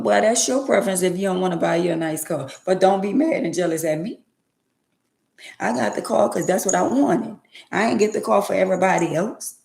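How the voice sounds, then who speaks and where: A woman's voice: medium pitch, creaky, a little mellow, reverberant. A woman around sixty, talking emphatically and repetitively in a preachy, casual way on her livestream. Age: 60s. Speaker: livestream host.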